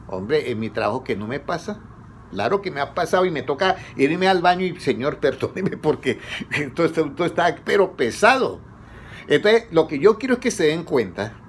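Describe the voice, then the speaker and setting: A man preaching conversationally, asking his congregation questions and letting them answer, his pitch rising on each question. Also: slight background noise. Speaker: pastor leading a Bible study. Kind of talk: conversational sermon.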